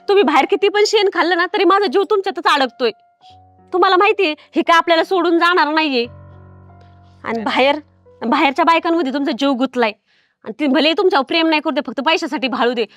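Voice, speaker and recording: Actress as a fast-talking, high-voiced village wife, nagging and accusing, dry close sound. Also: female voice, fairly bright tone, no echo, faint music behind. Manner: reproachful, nagging questions. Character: hurt, accusing village wife in her prime. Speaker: suspicious wife. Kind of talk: comedy film acting.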